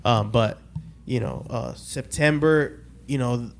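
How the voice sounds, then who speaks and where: A man in his late twenties, a guest on a casual podcast, tells his testimony in a loose, rambling way, full of fillers and restarts as he loses track of dates. His voice is an ordinary middle pitch and gravelly, he takes it slowly, and faint noise lingers in the background of the recording.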